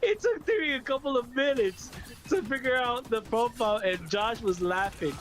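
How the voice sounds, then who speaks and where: A Brooklyn man with a New York accent, chatting on a gaming stream, excitable and laughing, repeating words and calling people "bro". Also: extremely high pitch, normal speed. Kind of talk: casual gaming stream chat.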